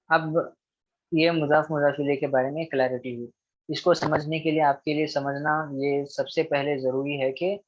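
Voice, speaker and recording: A man's voice: on the high side, lo-fi sound. A man teaching an Arabic grammar lesson, patiently repeating each rule and checking in with his students often. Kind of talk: recorded online grammar lesson.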